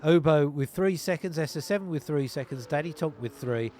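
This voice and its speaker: A man with a fairly high voice commentates an online racing league over a headset, working steadily through positions, tyre choices and penalties. A faint hum of ambience sits behind him. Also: fairly quick. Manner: steady play-by-play, calling positions and tyre strategy. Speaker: lead commentator.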